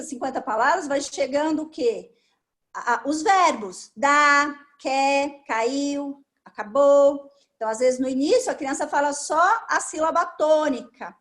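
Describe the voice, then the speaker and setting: A woman with a notably high voice and a Brazilian Portuguese accent, speaking as a speech therapist guest in an interview. She explains patiently and instructively, laying out each point step by step.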